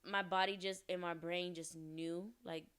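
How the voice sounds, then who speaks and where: Young woman, smooth clear voice, podcast guest, animated storytelling. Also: on the low side, a little slow. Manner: animated storyteller acting out quoted lines. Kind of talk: casual storytelling chat.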